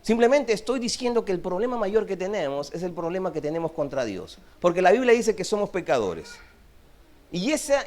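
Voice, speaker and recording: A man preaching a sermon as pastor, swinging between loud emphasis and hushed low phrases. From Peru. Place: church.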